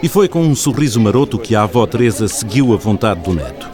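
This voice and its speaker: A man's voice: lowish voice, lively intonation, quick pace, loud music behind the voice. A man with a European Portuguese accent reading scripted documentary narration in a storytelling style. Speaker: radio reporter and narrator.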